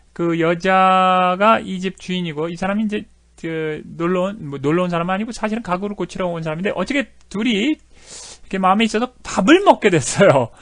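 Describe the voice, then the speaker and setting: A man's voice: sits high, a bit bright, dry recording, studio quality. A middle-aged man teaching English phrases in a chatty way, with many fillers and repeated phrases. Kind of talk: explaining lesson with video clips.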